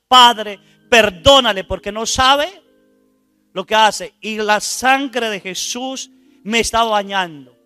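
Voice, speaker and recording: A priest preaching a sermon, retelling a testimony with dramatic, loud quoted lines and rhetorical questions to his listeners. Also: sits high, smooth, no echo. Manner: dramatic, acts out quoted speech loudly, asks the congregation rhetorical questions.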